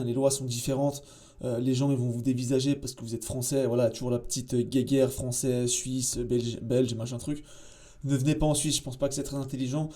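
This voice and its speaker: A man hosting a casual screen-share tutorial, chatty and slangy, with frequent fillers and asides while he clicks through software. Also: medium pitch. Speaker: SEO tutorial host.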